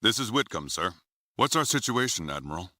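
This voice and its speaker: A man playing a grave, formal starship commodore in a video game, speaking with measured authority. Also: on the low side, sing-song, pushed and bright, dry recording, clean studio sound, heavily acted. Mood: commanding. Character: stern, grave male starship commodore, middle-aged or older. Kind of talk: dramatic video game voice acting.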